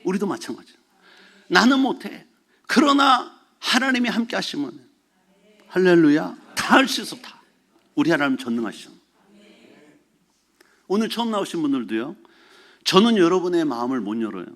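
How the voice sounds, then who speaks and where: Lively high-voiced pastor preaching. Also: male voice, normal speed, pauses often. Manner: animated storytelling, mixes formal and casual speech, shouts acted exclamations. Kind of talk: sermon. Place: church sanctuary.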